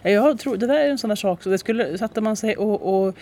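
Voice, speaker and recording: A woman's voice: mid-range voice, darkish tone, a little hiss or hum. A woman co-hosting a casual chat podcast, chatty, who laughs easily and often trails off mid-thought. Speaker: podcast co-host.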